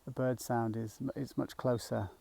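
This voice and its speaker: Gravelly middle-aged man vlogging outdoors. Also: mid-range voice, little pitch movement, measured pace. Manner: rambling, gentle, with frequent fillers and restarts. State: slightly out of breath. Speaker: nature mindfulness guide. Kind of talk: casual walking vlog. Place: outdoors in a field by a small woodland.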